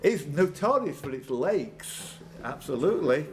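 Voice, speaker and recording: His voice is a little high, with big pitch swings and a slightly slow pace, as this pub quiz master reads questions and cracks bantering jokes to the room. Background room noise runs through the recording.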